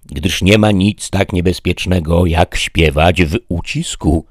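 A man's voice: low-pitched, unhurried, no room sound, studio quality. A man voicing a sly, wry young male convict with a mocking tone.

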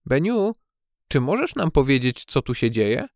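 A man voicing a cheerful, curious young female bee in a storybook audiobook, lively and playful. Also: mid-range voice, unhurried, no room sound, studio quality.

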